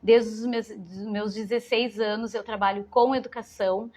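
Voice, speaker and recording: A woman's voice: mid-range voice, steady tone, moderate pace. A woman, giving an informal parenting talk to mothers and often rephrasing as she goes. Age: 40s. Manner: warm, conversational, repeats and rephrases phrases. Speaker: educator speaking to mothers.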